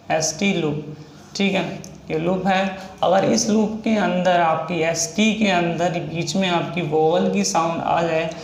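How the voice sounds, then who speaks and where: A man with a Hindi accent, a shorthand teacher, explaining a lesson and slowly spelling out example words one by one. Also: high-pitched, creaky, darkish tone. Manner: slow, repetitive, drawn-out spelling of example words. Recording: echoey room with faint noise.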